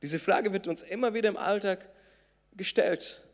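Preacher in a reverberant hall. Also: male voice, sits high, normal speed. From southern Brazil. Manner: impassioned, swings between loud emphatic peaks and soft intimate lines. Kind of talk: sermon. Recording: long reverb of a large hall.

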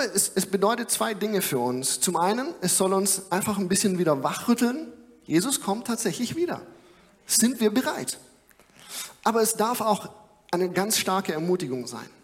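A young male preacher with a high voice speaks earnestly and conversationally, often pausing on filler sounds. His sermon rings out with a long reverb from the church hall. It sounds like a live talk to a congregation.

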